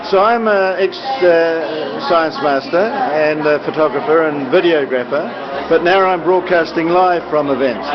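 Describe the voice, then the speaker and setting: An older man from New Zealand rambles along in a fairly high voice, chatty and meandering with lots of filler pauses. He's a videographer live-streaming casual chat from a busy indoor boutique at an event, and the dull lo-fi recording is swamped by loud crowd noise.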